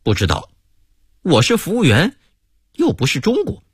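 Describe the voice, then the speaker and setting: A man's voice: high-pitched, wildly swooping pitch, moderate pace, slightly rough, no echo, clean studio sound, voice pushed up, full character voice. A man voicing a sullen, grumbling hotel attendant who mutters short retorts.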